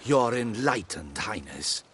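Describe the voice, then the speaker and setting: An actor voicing an anxious guild merchant in a video game, speaking deferentially and pleadingly to a ruler. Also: male voice, lowish voice, sing-song, slow, fairly bright tone, exaggerated voice.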